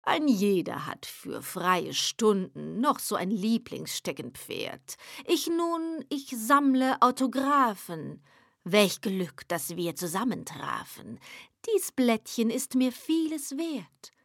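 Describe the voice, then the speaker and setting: A sly, courteous devil, as a woman reading aloud puts him on, speaking slowly in a soft, low and purring tone. The voice stays hushed and coaxing, and the dry, close recording carries no room sound. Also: very animated, vocal fry, no echo, exaggerated voice. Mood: gloating.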